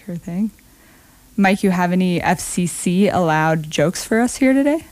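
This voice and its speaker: A woman hosting a radio interview, upbeat and quick to laugh. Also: on the low side, animated, darkish tone, no echo. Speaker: radio host. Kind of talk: interview banter.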